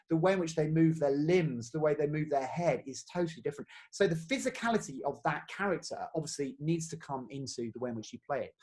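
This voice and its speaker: A man from England giving casual acting tips in a workshop, chatty and full of fillers and restarts. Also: on the high side. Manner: chatty, many fillers and restarts, laughs easily. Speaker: theatre workshop leader.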